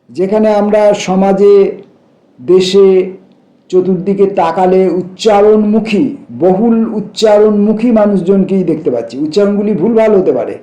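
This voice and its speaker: A man reading poems aloud, stopping to comment and repeating lines for emphasis, in a slow, measured way. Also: high voice, mellow, echoey room, rough recording. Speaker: poetry reader and commentator.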